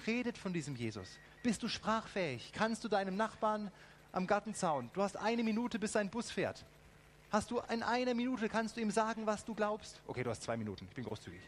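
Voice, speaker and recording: A man preaching a lively sermon, asking the congregation direct questions and adding ironic asides. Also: high-pitched, brisk, slight background noise.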